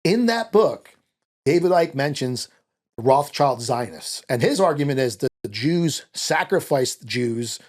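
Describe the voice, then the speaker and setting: A middle-aged man, a former Marine born in Italy and living in the United States, tells personal stories as a guest in a small indoor podcast studio. He speaks at medium pitch and an unhurried pace, casual, animated, blunt and profane, acting out quoted dialogue. A close podcast microphone on a boom arm captures him.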